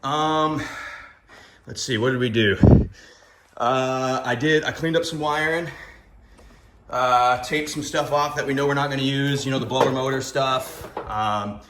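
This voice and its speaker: A man's voice: mid-range voice, fairly even intonation, unhurried, pauses often, reverberant, noisy background. A young man hosting a casual garage vlog, chatty and rambling with lots of fillers, a bit out of breath. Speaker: garage channel host. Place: home garage.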